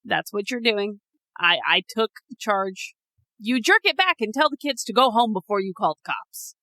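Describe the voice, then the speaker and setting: Woman, podcast co-host, teasing storyteller, crisp bright voice. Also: medium pitch, animated, normal speed, no echo. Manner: laughs often, teasing, storyteller. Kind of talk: casual chat, narrating a spooky scenario.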